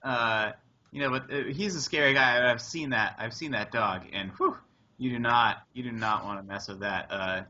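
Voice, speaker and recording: An eager, chatty man at a tabletop game who laughs a lot. His voice is very bright and forceful. The recording is dull and lo-fi. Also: mid-range voice, normal speed. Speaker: player. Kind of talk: casual tabletop game banter.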